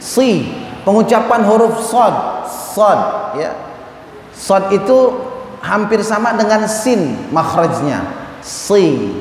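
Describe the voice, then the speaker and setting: A man teaching a group of men to recite, chanting verses slowly and then correcting their pronunciation in quick, everyday speech. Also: sits high, very animated. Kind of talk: tajwid lesson to a group of men. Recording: echoey hall with faint room noise.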